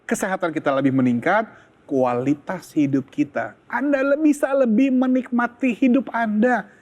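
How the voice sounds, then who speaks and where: A male TV shopping presenter with a notably high voice. He delivers an infomercial pitch, addressing viewers directly and urging them persuasively to act. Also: moderate pace, a little mellow, highs cut off. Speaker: TV shopping host.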